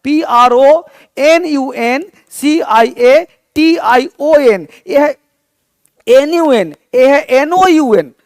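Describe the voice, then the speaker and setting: A man teaching English in a live online class, energetic and emphatic, drilling sounds by repeating them. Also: very high-pitched, drawn-out words, no room sound, clean studio sound.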